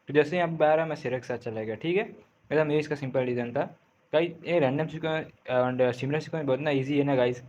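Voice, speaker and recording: A man explains trades in a relaxed tutorial, his words coming in short repeated bursts with frequent restarts. The recording is dull and lo-fi, with a faint hiss underneath. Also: medium pitch. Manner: informal, repeats himself, frequent self-corrections; says he is speaking slowly on purpose today. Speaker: trading tutor. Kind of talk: casual screen-share tutorial talk.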